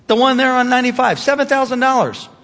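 A man preaching a sermon as pastor, talking in a lively, conversational way with humor and rising emphasis. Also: very high voice, quick pace. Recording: reverberant hall.

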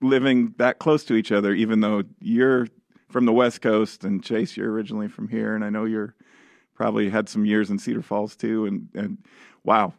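A man's voice: on the low side, little pitch movement, moderate pace, gravelly, dry recording. Male podcast host, chatty casual delivery, dry close sound. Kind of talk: casual chat.

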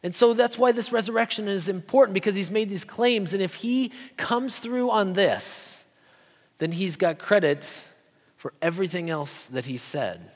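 Brief: male preacher, high voice, chatty sermon delivery, echoing church hall. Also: moderate pace. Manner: conversational, often asks "right?". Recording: long hall reverb.

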